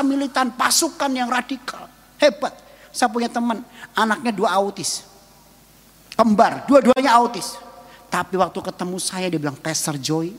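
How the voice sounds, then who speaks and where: A man preaching a sermon as pastor, emotive and telling personal stories, swinging between loud and hushed and joking with the congregation. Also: high voice, slightly rough, in a large hall.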